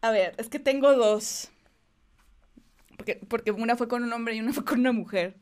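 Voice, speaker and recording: A woman's voice: a little high, normal speed. A young woman, co-hosting a casual podcast and telling stories with slang and acted-out quotes. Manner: animated, slangy, acts out quotes. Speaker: podcast co-host. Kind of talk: casual chat.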